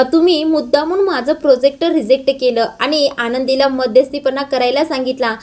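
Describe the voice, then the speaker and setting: A woman's voice: high voice, natural voice. A woman reading the lines of a furious young man who accuses his elders.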